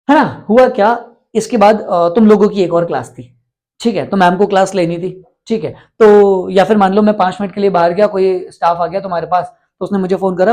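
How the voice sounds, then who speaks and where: A man's voice: sits high, darkish tone. A male teacher from India giving an exam-prep lecture, constantly quizzing his students and repeating the answers.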